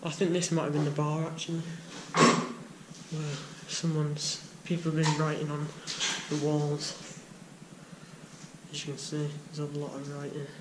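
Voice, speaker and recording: A teenage boy talks loosely through an abandoned building, peppering his speech with "like" and "guys". His voice sits fairly high but barely moves in pitch. Loud noise from the camera and the site runs under him. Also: completely flat delivery, measured pace. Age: teens. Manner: loose, filler-heavy commentary with many "like" and "guys". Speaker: urban explorer vlogger. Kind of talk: casual walkthrough narration. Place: abandoned building, indoors and outdoors.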